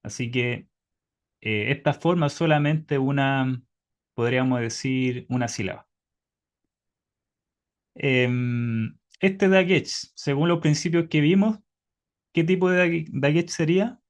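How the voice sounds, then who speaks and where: A man's voice: mid-range voice, slow, pauses often. A man teaching Hebrew in an online class by video call, patiently quizzing his students.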